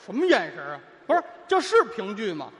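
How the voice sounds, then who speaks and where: A man, the straight man in a stage crosstalk act, firing off exasperated quick retorts. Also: high voice, wildly swooping pitch, a bit bright. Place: stage before a live audience. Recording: echoey hall, faint audience.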